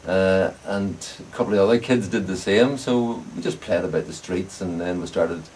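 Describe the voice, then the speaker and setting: With a low, darkish voice at normal speed, this Ulster-accented man of around 70 or above answers interview questions, casually reminiscing about building bicycle frames and racing for his club in Northern Ireland. The recording picks up clear background noise from a distant mic.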